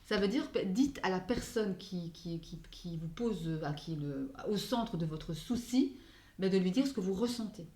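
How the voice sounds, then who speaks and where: Speaking at a normal pace, a woman with a lowish, warm, expressive voice does a relaxed tarot reading in a room with echo, where a little hiss or hum can be heard. As an astrology card reader, she pauses to search for words and often mixes in English phrases.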